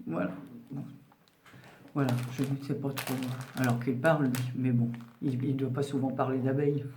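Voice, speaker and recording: A woman's voice: rumbling low, flat delivery, normal speed, reverberant, noisy background. A woman in her sixties chatting casually to her viewers as she unboxes craft parcels, rambling along with many fillers. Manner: rambling and chatty, full of "voilà" and "donc". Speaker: craft channel host. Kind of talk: casual unboxing chat to camera.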